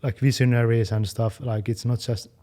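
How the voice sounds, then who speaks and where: A young man chatting casually as a fitness channel co-host, talking quickly and loosely, with many fillers. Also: mid-range voice, steady tone, mellow. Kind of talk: casual chat.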